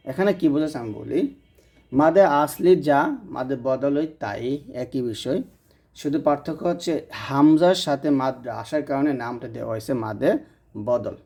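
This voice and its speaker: Male teacher, patient and repetitive, warm mellow tone, lesson delivery. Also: a little high. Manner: patient, repeats rules, checks understanding. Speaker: Quran reading teacher. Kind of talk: explanatory lesson.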